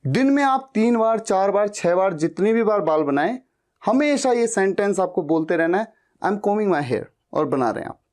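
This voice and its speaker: A woman's voice: mid-range voice, expressive, moderate pace, darkish tone. A woman teaching spoken English in Hindi, explaining each phrase and repeating the example sentences aloud. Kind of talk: Hindi-language English lesson.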